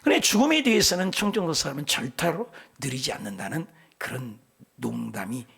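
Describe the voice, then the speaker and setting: A middle-aged male pastor preaching a sermon, animated and joking, often dropping into emphatic whispers. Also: medium pitch, a little fast, vocal fry, breathy edge. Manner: tells folksy jokes between scripture points.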